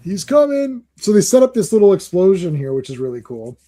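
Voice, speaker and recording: Brief: male podcast host, somewhat high and mellow voice, excitable and rambling, laughs a lot. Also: a little fast. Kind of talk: casual chat, reviewing comics.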